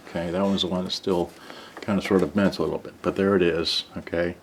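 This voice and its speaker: A repairer casually demonstrates cassette players without a script, halting and muttering his thoughts as he handles the gear. His voice sits low with a flat delivery, and the tripod camera some distance away yields a roomy, distant sound with loud background noise.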